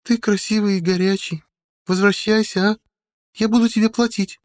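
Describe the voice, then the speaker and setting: A spoiled, pushy young rich girl from an audiobook, as a male narrator puts her on in falsetto. She pouts and wheedles, her voice pitched far above his own and sounding like a different person. She is girlish and demanding. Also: fairly even intonation, moderate pace, close to an everyday voice. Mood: coaxing. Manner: pouting, wheedling. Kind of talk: audiobook character voice.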